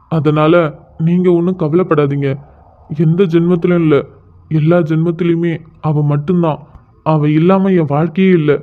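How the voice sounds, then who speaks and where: A man voicing a calm, earnest young male hero who talks steadily about his love, in a cartoon story. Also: a little high, close to an everyday voice. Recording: tinny phone-like sound.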